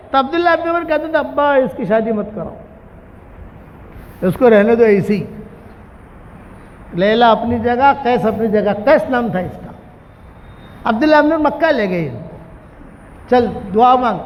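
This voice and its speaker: A male preacher tells a story from the pulpit, his voice pitched very high. He is animated and slips into the characters' dialogue. The recording is dull and carries the long reverb of a big hall. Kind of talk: storytelling sermon.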